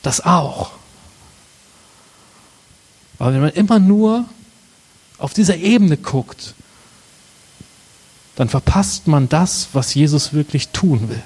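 A young adult man preaching a sermon, with dramatic pauses and slow, emphatic phrasing. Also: fairly high pitch, expressive, a little mellow, husky. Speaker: pastor.

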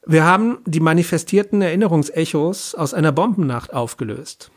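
A man's voice: a little high, a little fast, close to an everyday voice. A man voicing an earnest, plain-spoken male friend in a spoken story.

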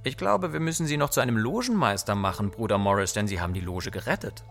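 A man's voice: sits low, fairly even intonation, fast, fairly bright tone, voice pushed down. A male audiobook narrator voicing a grim, scheming member of a secret society, talking in an urgent, conspiratorial way. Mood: grimly resolved.

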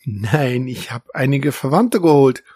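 A man voicing a small, brave and boastful male mouse in a storybook, with a high, squeaky and eager voice. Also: animated, measured pace, darkish tone, slightly rough, dry recording, clean studio sound.

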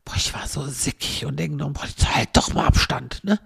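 Gravelly-voiced chatty woman. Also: sits low, normal speed, fairly bright tone, dry recording, studio quality. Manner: chatty, tags almost every sentence with a questioning "ne". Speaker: comic storyteller. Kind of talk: rambling comic monologue.

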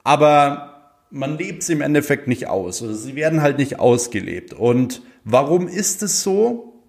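A man's voice: a little high, very animated, unhurried, creaky. A young man talking casually and motivationally to his viewers, with many fillers and rising emphasis on his key points. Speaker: motivational speaker.

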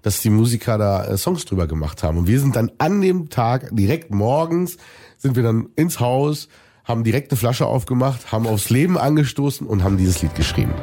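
A man in an interview, talking earnestly and reflectively with many pauses and restarts. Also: mid-range voice, big pitch swings, dark tone. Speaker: musician guest. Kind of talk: conversational interview.

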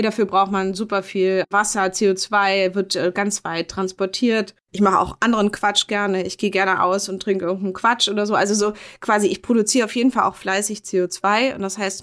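A woman's voice: mid-range voice, fairly bright tone. This is a woman of about forty running a casual interview. She rambles a little and jokes about herself, and she keeps her tone loose and chatty. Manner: chatty, self-mocking, asks loose rambling questions. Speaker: host.

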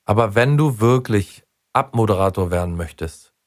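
Male co-host, lower voice, dry close mic, stern lecturing coach in a comedy sketch. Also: animated, normal speed, no room sound. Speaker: podcast co-host.

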